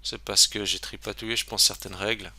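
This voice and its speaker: A man's voice: lowish voice, fairly even intonation, a little fast, pushed and bright, no echo. A man giving a casual screen-recorded web tutorial, chatty and self-interrupting, with lots of fillers.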